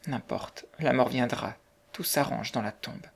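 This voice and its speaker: A frightened young woman, put on by a storybook reader, speaks in a hushed, breathy half-whisper, quiet and a little raised in pitch. The voice has a gravelly edge at the bottom, and she sounds close to breaking. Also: measured pace. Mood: despairing. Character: young working woman in despair.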